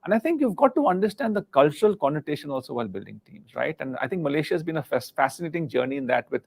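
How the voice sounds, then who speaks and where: A middle-aged former business leader from India talks earnestly about leadership in a live interview, often repeating words while searching for the next one. His voice is a little high, mellow and husky with some creak, and he speaks rapid-fire with big pitch swings.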